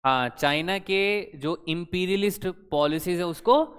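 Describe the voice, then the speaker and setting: A man's voice: high-pitched, measured pace, a bit bright, clear, resonant tone. A young man teaching current affairs for exam preparation, chatty, constantly quizzing his students with questions. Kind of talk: exam-prep lecture. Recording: long hall reverb.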